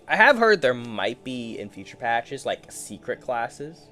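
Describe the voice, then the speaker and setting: A man talking to himself in a loose, rambling way. His pitch moves around a lot. He sounds playful and easily amused, with faint music under his voice. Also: sing-song, unhurried, bright, forceful tone. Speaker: gaming streamer. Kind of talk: casual solo commentary.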